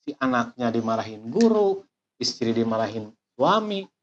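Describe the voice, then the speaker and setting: Man, storytelling lesson, deliberate, repetitive, dull lo-fi recording. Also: medium pitch, big pitch swings. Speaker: motivational speaker.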